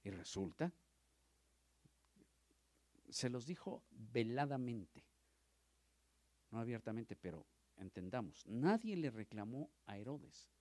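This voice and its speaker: A man teaching a Bible study as a pastor, animated, asking his listeners questions, dropping to near-whispers and rising loud when he acts out quotes. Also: medium pitch, slow, long pauses, dry recording. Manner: asks the audience questions, repeats words.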